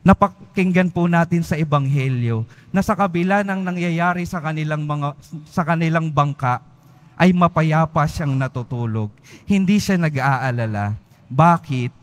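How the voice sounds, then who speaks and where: A male priest delivers an earnest sermon, circling back over his phrases and letting each one sink at its close. His voice sits a little high for a man. The sound carries a long, hanging reverb from a large church. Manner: earnest preaching, repeats phrases, voice falls at each phrase end.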